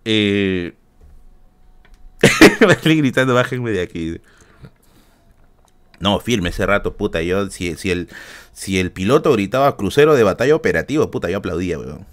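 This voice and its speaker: A man with a Peruvian Spanish accent telling a story in a casual, comic way, swearing freely and dropping in fillers and tag questions. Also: on the low side. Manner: animated, profane, many fillers and tag questions. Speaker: podcast host.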